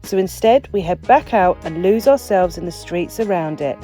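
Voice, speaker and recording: Female narrator, mellow, descriptive voice-over, light music bed. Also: lowish voice, lively intonation, moderate pace. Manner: wonder-filled, descriptive. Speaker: vlog narrator. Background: faint music.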